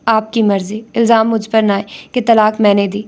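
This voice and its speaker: A woman's voice: medium pitch, close to an everyday voice. A woman reading a cold commanding husband. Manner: calm, commanding.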